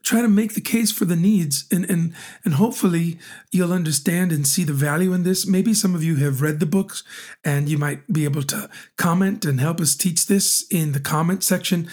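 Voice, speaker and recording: A man in his forties co-hosting a relationship podcast, talking in an animated, teasing way and often repeating his words as he starts a thought. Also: a little high, normal speed. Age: 40s. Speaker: podcast co-host. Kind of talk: casual chat.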